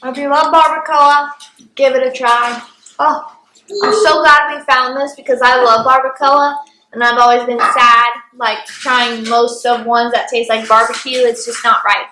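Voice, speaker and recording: A woman's voice: sits high, level tone, measured pace, bright, forceful tone, echoey room, a little hiss or hum, poor audio. A woman co-hosting a home food-tasting vlog, chatty and upbeat. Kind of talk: casual food-tasting chat.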